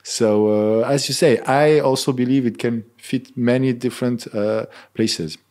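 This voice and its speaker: A Swiss band member in his thirties speaks casually in an interview with a low-pitched, slightly mellow voice, fairly even intonation and a measured pace. He's earnest, searching for words and often restarting his sentences.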